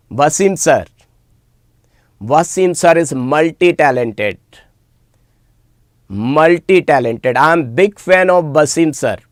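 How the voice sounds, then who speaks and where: A man with an Indian accent and a higher-pitched voice hosts an informal live-stream chat with his online students. He keeps repeating words and phrases for emphasis, and the audio is studio quality with no room sound.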